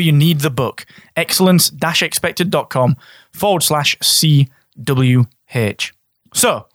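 A man's voice: fairly high pitch, no room sound, studio quality. A man from Barnsley, England, hosting his own solo business podcast in a chatty, straight-talking way. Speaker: podcast host.

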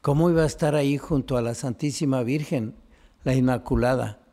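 A man's voice: medium pitch, brisk, mellow. A man, a priest, reading the gospel and giving an earnest homily that speaks directly to listeners.

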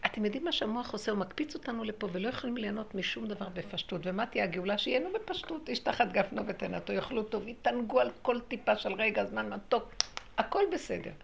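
A woman teaching a spiritual lesson to a small group, animated, acting out quotes and laughing often. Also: medium pitch, vocal fry, slight background noise.

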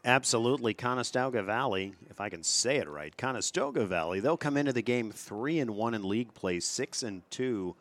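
A man announcing a local high school football broadcast, steadily reading off player names and opponent stats. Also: lively intonation, brisk, few pauses, fairly bright tone. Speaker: play-by-play announcer. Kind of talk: local sports broadcast commentary.

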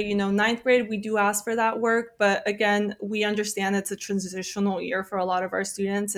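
A woman admissions officer in a podcast interview. She explains things steadily with frequent "um" and "right?", and her voice often trails off softly at the ends of phrases. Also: medium pitch.

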